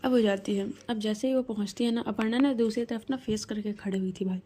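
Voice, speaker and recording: A woman's voice: mid-range voice, steady tone, brisk, dark tone, a little hiss or hum. A woman telling a story in a chatty, casual way, talking straight to the listener. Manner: chatty, addresses listener as 'bhai'. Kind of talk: casual spoken story narration.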